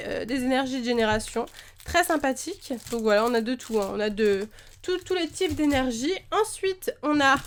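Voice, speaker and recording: A woman's voice: sits high, slight background noise. A young woman chatting enthusiastically to camera as she unboxes trading cards, with many fillers along the way. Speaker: YouTuber opening trading cards. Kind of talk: casual unboxing chat. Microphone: camera mic, face to camera.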